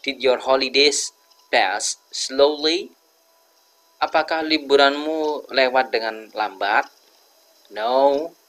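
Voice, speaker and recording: A man with an Indonesian accent gives an English grammar lesson. He talks slowly and deliberately, with a bright, forceful tone. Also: medium pitch. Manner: slow, deliberate, switches between two languages. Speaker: English teacher.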